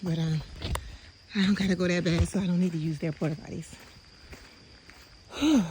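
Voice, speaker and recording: A woman's voice: fairly low pitch, fairly even intonation, quick pace, a little mellow, slight background noise, rough recording. A woman casually vlogging as she walks a path outdoors by the water, chatting straight to her viewers. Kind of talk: casual walking vlog.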